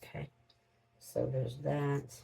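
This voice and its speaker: A woman's voice: very deep voice, little pitch movement, slow, gravelly, dark tone, poor audio. A woman hosts a casual crafting vlog, muttering to herself as she works in homespun phrasing. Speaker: crafting channel host. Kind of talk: casual unboxing and demo vlog.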